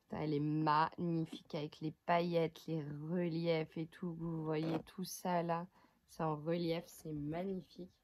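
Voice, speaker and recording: At night in her bedroom, a young beauty vlogger chats casually to her phone camera, held by hand without a tripod, about her skincare routine. She speaks at a measured pace in a low, darkish voice with little pitch movement, staying frank and self-mocking and occasionally whispering.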